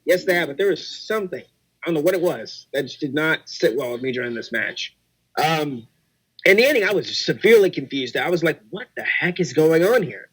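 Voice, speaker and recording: High-voiced young man, exasperated. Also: animated, slightly rough. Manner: exasperated, quick agreeing interjections. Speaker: podcast co-host. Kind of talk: casual podcast chat.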